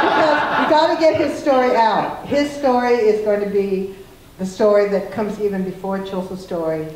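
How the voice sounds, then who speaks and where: An older woman gives an informal public talk into a handheld mic, lively and laughing, with frequent restarts. The sound rings around a very echoey hall. A faint hum of noise sits underneath. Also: on the high side. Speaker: invited speaker at a community forum. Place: community forum hall. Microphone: handheld microphone.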